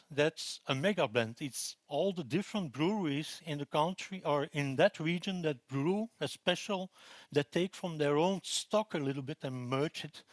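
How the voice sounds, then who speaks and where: This is a man in his forties from Belgium, presenting at a technical conference. His voice sits somewhat high for a man and the sound is dry with no room echo. He talks in a relaxed way, with plenty of ums and restarts. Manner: relaxed, with frequent fillers and restarts.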